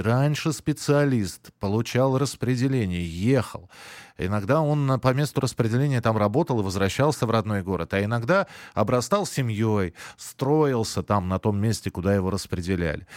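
A man hosting a live radio phone-in in a conversational, halting, self-correcting way. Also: mid-range voice, a little mellow, no room sound, clean studio sound. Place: dry studio.

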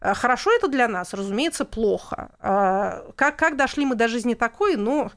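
A woman commentator on a panel discussion, speaking in a measured, hedging way with many pauses. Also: on the high side, expressive. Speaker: political commentator.

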